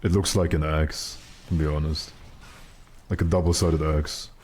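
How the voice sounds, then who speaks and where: A man with a very deep voice chatting casually with his stream viewers while gaming, in a joking, mock-serious way. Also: little pitch movement, measured pace, darkish tone, breathy edge. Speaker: live game streamer.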